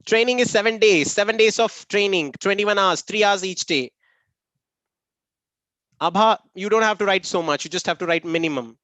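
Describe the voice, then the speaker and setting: A man's voice: high-pitched, normal speed, pushed and bright, dry recording, low-quality recording. A man with a Tamil Indian English accent, chatting informally as the host and trainer of an online workshop and repeatedly thanking participants. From Namakkal, Tamil Nadu, India. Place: online video meeting.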